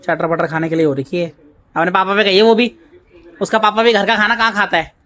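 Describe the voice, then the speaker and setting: A man's voice: sits high, steady tone, a little fast, fairly bright tone. A young man chatting casually to his viewers at home as a family vlogger, slipping English words into his talk. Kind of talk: casual family vlog chat.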